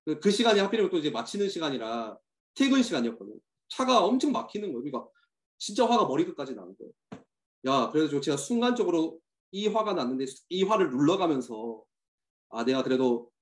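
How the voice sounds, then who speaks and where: A man preaching earnestly to church teachers, telling a personal story with many hesitant fillers. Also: on the high side. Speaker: youth ministry pastor addressing teachers. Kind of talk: sermon message to church teachers. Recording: echoey room.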